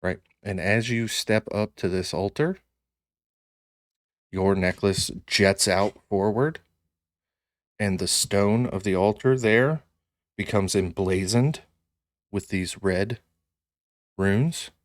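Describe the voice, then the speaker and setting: A man narrating a tabletop fantasy game as game master, telling it dramatically in deliberate short phrases. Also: fairly low pitch, no room sound, studio quality.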